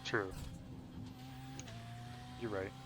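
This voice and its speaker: A man's voice: drawn-out words, pushed and bright. A man co-hosting a podcast in casual chat, giving short dry answers. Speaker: podcast co-host.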